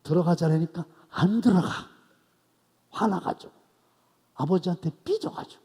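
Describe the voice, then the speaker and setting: Animated male pastor preaching. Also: sits high, moderate pace, husky, in a large hall. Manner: animated storytelling, swinging between loud outbursts and soft asides. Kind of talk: expository sermon. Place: church evening service.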